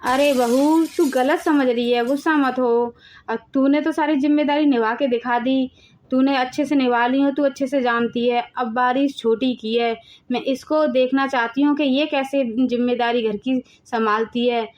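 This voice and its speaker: A firm, commanding mother-in-law, voiced by a woman who rules the house in an animated family drama. Her voice is high and her tone leaves no room for argument. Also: moderate pace, lightly acted. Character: bossy middle-aged mother-in-law, head of household.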